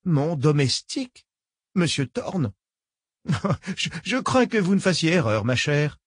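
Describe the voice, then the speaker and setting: A man's voice: a little high, sing-song, slow pace, breathy edge, no room sound, studio quality, voice pushed up, full character voice. A man doing a falsely sweet sinister old lady. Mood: feigned innocence. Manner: honeyed, menacing, repeats "ma chère".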